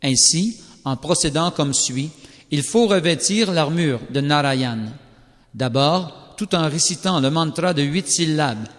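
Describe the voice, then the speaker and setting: A man giving a measured, solemn scripted reading of a scripture text. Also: fairly high pitch, lively intonation. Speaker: scripture reader. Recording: long reverberant hall sound.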